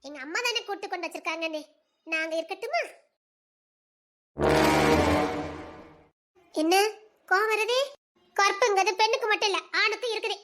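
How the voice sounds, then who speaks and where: A woman's voice: very high-pitched, fast talker, slight background noise. Woman playing a bitter, defiant young wife. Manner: sharp, bitter, reproachful. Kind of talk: audio drama acting.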